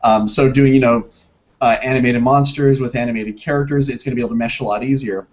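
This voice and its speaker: A man talks over a video call, and the dull lo-fi connection softens his voice. He has an ordinary mid pitch. He stops often to look for words and restarts his sentences as he explains his plans as a filmmaker. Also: fairly even intonation, quick pace. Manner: hesitant, many restarts and fillers. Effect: heard over a video call that breaks up. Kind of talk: interview conversation. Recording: muffled lo-fi video call audio.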